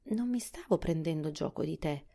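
A woman's voice: low-pitched, lively intonation, creaky, mellow, exaggerated voice. A woman voicing a bold young boy in a storybook, protesting and proud. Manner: protesting, quick to defend himself.

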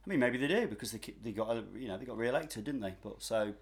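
A man's voice: medium pitch, animated, quick pace. A man co-hosting a casual chat, talking with frequent restarts and strong opinions. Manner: hesitant, restarts often, opinionated. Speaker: podcast co-host, former mental health worker.

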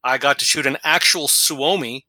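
A man from New York co-hosting a podcast, his voice very bright and sharp against a dry, close sound. He talks with eager enthusiasm and rambles through restarts as he explains. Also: mid-range voice, normal speed, dry recording. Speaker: podcast co-host. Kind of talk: casual podcast chat.

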